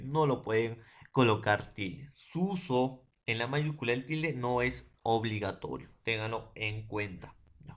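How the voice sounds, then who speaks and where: A Peruvian man gives a secondary school language lesson. His voice sits at a middle pitch, and he circles back over each point, tagging questions onto nearly every sentence. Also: a bit bright. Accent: Peruvian Spanish. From Peru. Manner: repetitive, keeps adding tag questions and "profesor". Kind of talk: remote class lecture.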